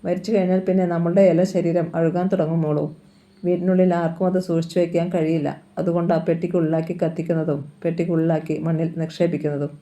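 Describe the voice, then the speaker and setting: A gentle, grieving father and doctor, voiced by a storyteller reading the tale aloud explains things to his small daughter softly and patiently. His voice is mellow and dark, and it moves in an even, level line. This is a storybook reading in Malayalam. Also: mid-range voice, fast, lightly acted. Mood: tender, consoling. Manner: soft, consoling explanations to his child.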